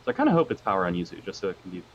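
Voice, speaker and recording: Quick talking guy breaking down card game plays, kinda low voice, muffled lo-fi internet audio. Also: wildly swooping pitch, slight background noise. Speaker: co-caster. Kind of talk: casual game commentary. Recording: dull lo-fi sound from a weak connection.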